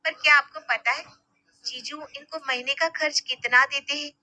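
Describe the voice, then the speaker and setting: Brief: woman voicing a feisty cartoon sister, high and earnest. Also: steady tone, moderate pace, sharp tone. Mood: indignant. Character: outspoken young woman, protective sister.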